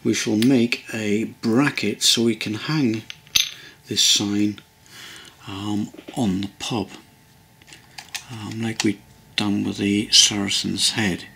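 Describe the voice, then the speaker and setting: A man's voice: lowish voice, fairly even intonation, slow, creaky, sharp tone, slight background noise. A man casually narrating a model-building tutorial at his workbench, rambling and hesitant with many ums and restarts. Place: hobby workbench indoors.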